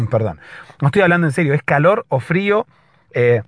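A hoarse man hosting a casual solo podcast, explaining patiently and often checking in with his listeners. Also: on the high side, animated, moderate pace, no room sound, studio quality. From Latin America. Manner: explanatory, keeps checking in with a questioning "right?". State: hoarse, slightly husky voice. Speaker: podcast host.

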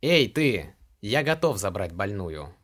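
An earnest young hero, as a male narrator reads him talks in a plain, low voice. He sounds earnest and a little flustered. It is audiobook dialogue. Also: big pitch swings, takes it slowly, fairly bright tone, full character voice.

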